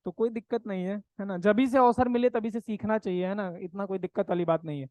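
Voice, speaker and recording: A woman's voice: medium pitch, fast talker, warm tone, no echo. A woman teaching an agriculture exam class, lecturing conversationally and checking in with her students after almost every phrase. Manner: asks rhetorical questions and ends phrases with "है ना?" and "ठीक है?"; plain conversational teaching, mixing English terms into Hindi.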